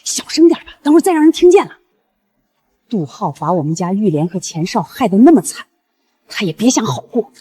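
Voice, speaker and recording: A woman's voice: mid-range voice, sing-song, brisk, warm tone, slightly rough, no room sound. A gossipy, spiteful mother. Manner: mocking, gossiping. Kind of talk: short-drama acting.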